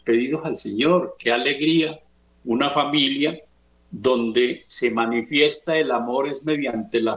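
Earnest man preaching in a roomy space. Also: mid-range voice. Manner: preachy, slow and emphatic, retelling scripture. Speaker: speaker on family and faith. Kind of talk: earnest religious talk. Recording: roomy echo.

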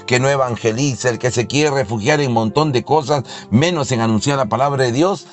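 A man's voice: medium pitch, a little fast. Fervent male preacher, faint music. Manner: fervent, rising to loud exclamations. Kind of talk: sermon.

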